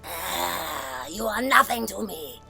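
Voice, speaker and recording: A man voicing a vengeful female forest ghost, slow and contemptuous. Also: high-pitched, expressive, gravelly, over music, voice pushed up, heavily acted. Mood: scornful.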